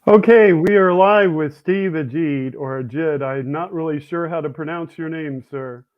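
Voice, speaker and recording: Host on a tinny phone-like line. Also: male voice, on the high side, moderate pace. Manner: plain, reads questions from a script. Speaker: podcast host. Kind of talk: interview questions.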